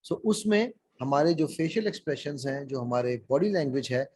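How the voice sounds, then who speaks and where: A man's voice: fairly high pitch, lively intonation, moderate pace, warm tone, a little hiss or hum, low-quality recording. A man leading an interactive speaking workshop on a call, asking the class questions and mixing in English phrases. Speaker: public speaking trainer. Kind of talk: interactive online workshop lecture.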